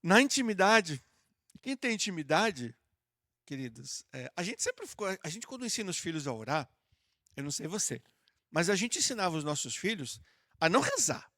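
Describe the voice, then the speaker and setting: A man's voice: high voice, sing-song, moderate pace, no echo, studio quality. Man preaching conversationally. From southern Brazil. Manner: conversational preaching that addresses listeners warmly and acts out sample prayers. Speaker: pastor. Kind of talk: sermon. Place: church auditorium.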